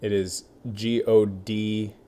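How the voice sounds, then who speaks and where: A young podcast co-host chats casually in a fairly low, mellow voice with little pitch movement, speaking slowly. He swears often and calls his friend "dude."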